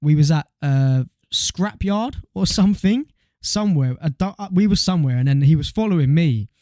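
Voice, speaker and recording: Laid-back young British man, mellow voice. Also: fairly high pitch, expressive, moderate pace, dry recording, studio quality. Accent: British English. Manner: laid-back slangy storytelling with fillers. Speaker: podcast co-host. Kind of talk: casual chat.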